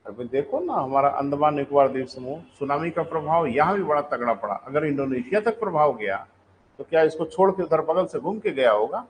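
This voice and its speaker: A male teacher in a live online class, his voice sitting a little high. He talks to his students in a chatty way, calling them "beta" and repeating sentences slowly for note-taking. Faint background noise runs underneath. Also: animated, low-quality recording. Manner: explains then repeats sentences slowly for dictation; addresses students as "beta", conversational asides.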